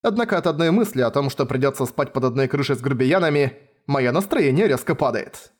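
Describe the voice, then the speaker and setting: A man's voice: medium pitch, lively intonation, a little fast, lightly acted. A man voicing a haughty, prissy young nobleman in an audiobook reading, with a sneering, affected delivery. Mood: sour.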